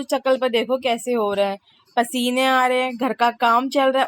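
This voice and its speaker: A woman in her thirties, a mother, narrating her busy day in a chatty, exasperated vlog voice-over. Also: high-pitched. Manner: chatty, exasperated, complaining humor. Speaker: vlogger, mother.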